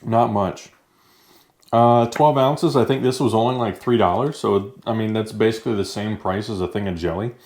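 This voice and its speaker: On his vlog, a man from the United States casually tries new foods and keeps talking between bites. He has a lowish, slightly mellow voice and speaks at a normal speed.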